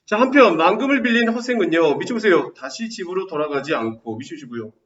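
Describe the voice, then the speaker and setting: A man teaching a high school Korean literature class, quizzing students with quick rhetorical questions. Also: animated, fairly bright tone. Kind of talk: lecture. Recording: roomy, dull, distant mic.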